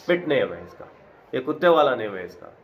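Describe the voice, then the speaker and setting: An earnest man gives a verse-by-verse scripture lesson, reciting a phrase and then unpacking it slowly in everyday speech. His voice sits at an ordinary middle pitch, and a faint hiss of noise runs behind him. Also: sing-song, muffled recording. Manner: recites Arabic phrases then explains them in plain conversational Urdu; repetitive, earnest, preacher-like emphasis. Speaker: Quran teacher. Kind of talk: verse-by-verse Quran explanation.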